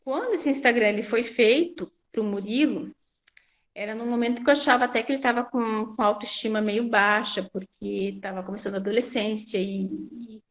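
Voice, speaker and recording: Woman speaker for a support group, slightly high voice, hesitant delivery, muffled recording. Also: normal speed. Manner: hesitant, many restarts and fillers. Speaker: guest speaker.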